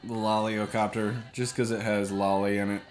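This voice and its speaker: A man's voice: on the low side, little pitch movement, normal speed. A young man giving casual, profane, joking co-commentary on a video game. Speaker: let's play co-commentator. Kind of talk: casual gaming banter. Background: video game music.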